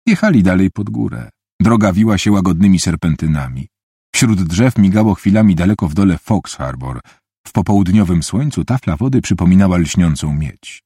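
A man with a very deep, husky voice narrates a story in a measured, even manner. His tone is dark and mellow, and his pitch moves a lot between phrases. The recording is close and completely dry. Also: no echo. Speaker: audiobook narrator. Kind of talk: scripted narration.

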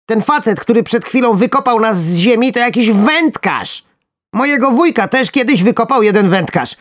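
A man voicing a small, nervous male worm in a storybook, with a squeaky, frantic voice. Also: animated, normal speed, a bit bright. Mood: urgent. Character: shrill panicky little male worm, nervous alarmist.

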